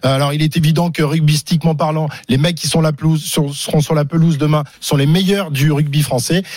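A man's voice: on the high side, a little mellow, no room sound, studio quality. A man arguing as a rugby pundit in a heated radio sports debate, sarcastic and combative, cutting in on the others.

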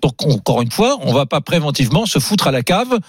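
A man's voice: on the high side, very animated, brisk, breathy edge, no echo. A man co-hosting a radio talk show, arguing his side bluntly into a studio microphone. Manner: blunt, argumentative. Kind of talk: radio debate.

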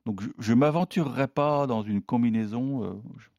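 A man giving tennis tips in casual chat, animated, with laughing asides and hesitant fillers. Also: medium pitch, normal speed, no echo, studio quality. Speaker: tennis pundit.

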